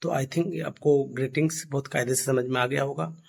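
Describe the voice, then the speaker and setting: A man teaching a beginners' English lesson from slides, asking and answering his own questions and slowly modelling English phrases. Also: medium pitch, steady tone, gravelly, slightly rough. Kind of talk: slide-based spoken lesson.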